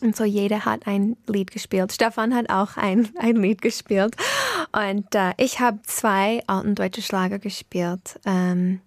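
A woman's voice: mid-range voice, steady tone, a little slow, no echo. A woman from the United States, a native English speaker, speaks German with an American accent in a casual studio interview, making grammar slips and searching for words. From Pennsylvania, United States. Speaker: interview guest, singer.

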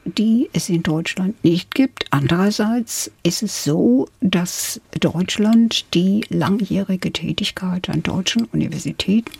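Older lady guest on radio, gravelly low-warm voice, reflective, dry studio sound. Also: dry recording. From England. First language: English. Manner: reflective, measured storytelling. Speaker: guest, literary scholar. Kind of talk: radio interview conversation.

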